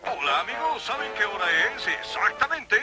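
A theatrical cartoon announcer. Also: male voice, high-pitched, sing-song, moderate pace, over music. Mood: teasing.

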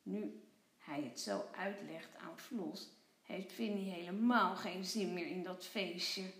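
A woman teacher reading a children's story aloud, expressive and clear. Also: on the low side, slow. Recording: echoey room.

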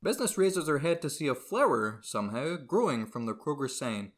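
A man's voice: medium pitch, big pitch swings, a little fast. A man reading comedic scripted narration as stage directions, with theatrical delivery.

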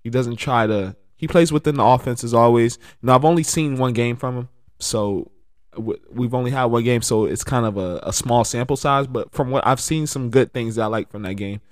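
A man's voice: mid-range voice, moderate pace, no echo, studio quality. Rambling, easygoing man talking hoops. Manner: relaxed, rambling, lots of fillers, bursts of excited laughter. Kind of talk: casual sports chat.

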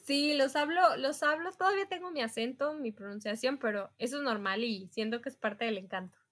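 A young woman with a Mexican accent, telling her story as a guest in a casual interview, chatty and animated, acting out what she said back then. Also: sits high, fairly quick. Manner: chatty, animated, acts out her own past quotes.

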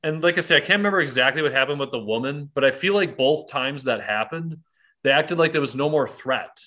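A man hosting a casual film podcast, talking animatedly, swearing and mimicking characters in quick asides. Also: on the high side, pushed and bright. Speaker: podcast host. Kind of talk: casual movie chat.

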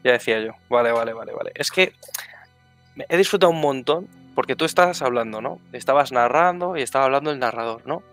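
A man's voice: medium pitch, expressive, quick pace, fairly bright tone, faint music behind. A man, a tabletop game player giving effusive feedback in casual chat, repeating words for emphasis.

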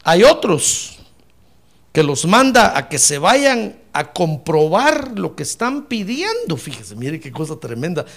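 A man's voice: on the high side, big pitch swings, takes it slowly, creaky, a bit bright. A man preaching a fervent sermon, often calling his listeners brother.

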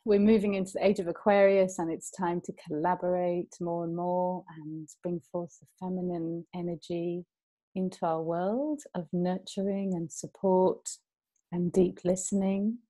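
An awakening coach and mindfulness instructor co-hosts a casual conversation, speaking softly and gently and giggling often. Her voice sits on the low side, with a steady tone and a slightly slow pace.

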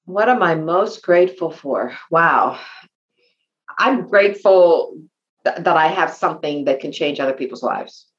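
A woman with a low voice tells a personal story as a podcast guest. She stops and restarts often and sounds moved by what she recalls. The recording is a little dull. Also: expressive. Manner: halting, emotional retelling with many restarts.

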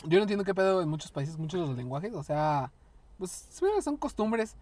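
A man's voice: high voice, animated, normal speed, a little mellow. A man with a Mexican Spanish accent, co-hosting a podcast with crude humor and frequent laughs. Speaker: podcast co-host. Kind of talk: casual chat.

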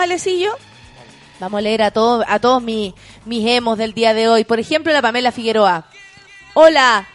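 A woman with a Chilean accent hosting a morning show, chatting and reading the news and listener messages, giggly and theatrical. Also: fairly high pitch. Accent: Chilean Spanish. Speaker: morning radio host. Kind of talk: casual chat and news reading.

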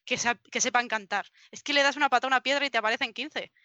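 A woman's voice: a little high, very fast, bright, forceful tone, dry recording. Woman, casual podcast chat, exasperated, swears, dry mic. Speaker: podcast co-host.

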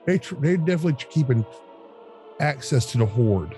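A man talking casually as a player in a tabletop game, halting as he works out what his character does. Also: medium pitch, lively intonation, warm tone, faint music behind.

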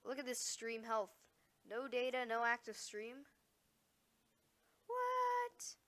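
A woman hosting a casual solo podcast, rambling and distracted, breaking into excited exclamations. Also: a little high, measured pace. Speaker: podcast host.

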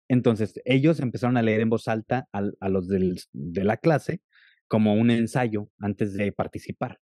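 A man talks fast and with animation as a podcast guest. His voice is dark and mellow, recorded close and dry with no room sound. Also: fairly low pitch, dry recording. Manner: fast-talking, animated storyteller. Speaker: guest, content creator on attention deficit. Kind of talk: casual interview chat.

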